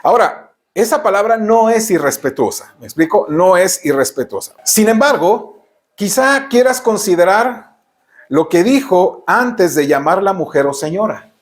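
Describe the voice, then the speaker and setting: A man's voice: high voice, expressive, measured pace. A man with a Mexican Spanish accent preaching a sermon as pastor, emphatic and direct, often asking the congregation rhetorical questions.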